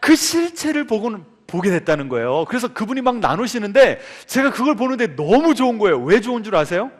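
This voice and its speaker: Long reverb trails every word as a pastor in a church sanctuary delivers his sermon. He speaks briskly in a high, very animated voice, weaving a story and putting questions to his congregation.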